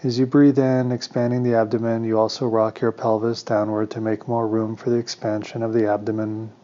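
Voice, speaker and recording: This is a guided meditation led by a man with a lowish voice. As the teacher, he offers slow, calm, reassuring directions punctuated by pauses, captured on a slightly muffled recording.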